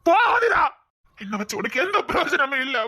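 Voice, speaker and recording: A woman's voice: high voice, lively intonation, normal speed, a bit bright, no echo, studio quality. A woman playing a despairing paralysed young man. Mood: pleading. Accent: Tirunelveli Tamil. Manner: pleading, self-pitying, pushing her away.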